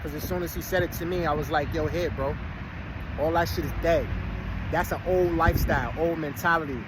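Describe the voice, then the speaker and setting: A slightly high, steady-toned male voice moves a little fast as this vlogger in his thirties, soon turning forty, chats with followers. His talk is rambling and streetwise with preachy asides, recorded outdoors among street noise and passing vehicles.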